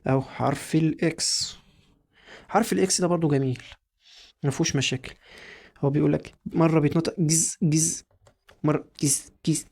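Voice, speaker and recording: Gravelly Egyptian man teaching pronunciation. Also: fairly high pitch, darkish tone. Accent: Egyptian Arabic. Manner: repeats sounds slowly, drawn-out demonstrations. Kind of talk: casual spoken lesson.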